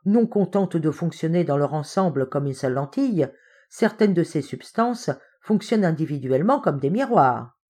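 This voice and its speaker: A woman reading an excitable young man who argues his point with eager, insistent triumph. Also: on the high side, normal speed. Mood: triumphant. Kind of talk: audiobook character reading.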